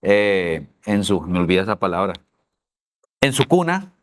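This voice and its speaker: A man's voice: deep voice, very animated, measured pace. A middle-aged man co-teaching a church parenting class, telling personal stories emphatically. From Colombia. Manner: storytelling, emphatic.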